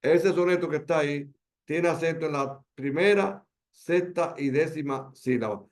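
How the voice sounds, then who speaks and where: A man with a Dominican Spanish accent teaching an online poetry workshop over a video call, emphatic, repeating key words and slowing down to stress them. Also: on the high side.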